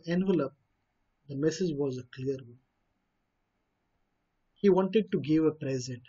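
Indian english guy going over a story for a class, lots of uhs, slightly husky voice, dull lo-fi recording. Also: fairly high pitch, dark tone. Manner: hesitant, many uh fillers and restarts. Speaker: teacher explaining a story. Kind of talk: reading and explaining a story.

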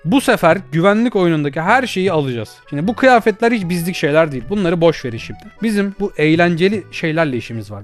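Excitable high-pitched young man gaming. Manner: excitable, teasing, bursts of shouting and laughter. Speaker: gaming YouTuber. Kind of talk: playful VR gameplay commentary. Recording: faint background music.

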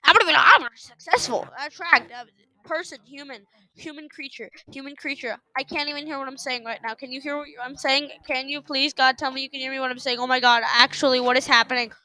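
A young woman giving casual reaction commentary, sarcastic and excitable, breaking into loud startled yelps and gasps. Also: high voice, fairly quick. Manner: sarcastic running jokes. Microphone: headphones on while recording.

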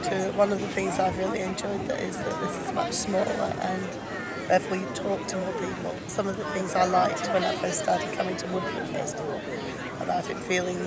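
A woman's voice: fairly low pitch, monotone, normal speed. Middle-aged English woman at a noisy festival. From England. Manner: thoughtful, loose and rambling with many fillers. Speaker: festival goer. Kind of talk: casual interview answers. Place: outdoor festival grounds near tents, sunny. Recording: loud crowd all around outdoors.

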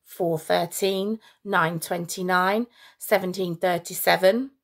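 A woman teacher reading a children's story aloud with expressive storytelling. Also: fairly low pitch, slow.

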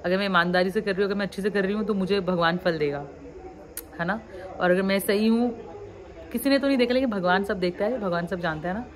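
Speaking quickly at a medium pitch, a frustrated young woman vlogger from the Uttarakhand hills of India, in her twenties, unloads candidly to her viewers on camera. She blends English phrases into her talk.

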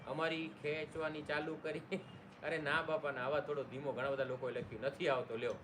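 A man's voice: fairly high pitch, flat delivery, fairly quick. A man hosting a casual live stream, greeting viewers by name and joking along. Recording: noisy room ambience.

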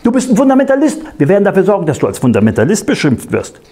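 Man playing the scornful tempter; mocking threats, a bit high and animated. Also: very fast, exaggerated voice. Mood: threatening. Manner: taunting, mocking warnings. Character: whispering enemy tempter, male, scornful and threatening.

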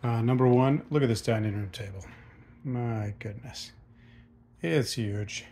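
A yacht salesman from the United States tours a docked sailboat, outdoors and then in the cabin, describing it in a casual, unhurried way. He pauses often with ums and uhs as he points things out, thinking aloud in a relaxed, mid-range voice with a breathy edge.

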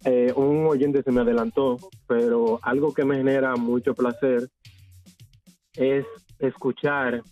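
A Dominican man calls in and speaks slowly in a flat, even voice. The line sounds dull and lo-fi, with faint music behind. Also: medium pitch, no room sound. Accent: Dominican Spanish. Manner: slow, measured. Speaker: caller. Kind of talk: phone-in comment.

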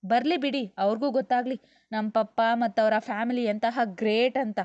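A woman's voice: a little high, fairly even intonation, moderate pace, darkish tone, no echo, dull audio, close to an everyday voice. Woman voicing an angry, hurt young mother. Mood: bitter.

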